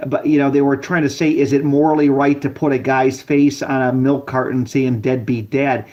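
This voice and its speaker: A man's voice: medium pitch, level tone, normal speed, darkish tone. A man talking casually over a bad phone connection, agreeable and rambling, often restarting his sentences. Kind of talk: casual conversation. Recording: dull lo-fi phone line.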